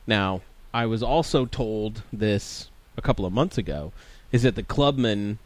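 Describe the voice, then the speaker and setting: A man's voice: on the low side, a little slow. A man chatting casually as a podcast host, his speech slightly slurred by a swollen tongue. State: swollen tongue, as after the dentist. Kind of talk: casual chat.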